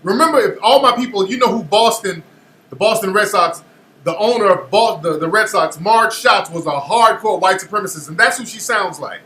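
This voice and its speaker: A man hosting a show, reacting to a played clip with animated, incredulous commentary. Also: high voice, moderate pace, roomy sound, a little hiss or hum. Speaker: show host.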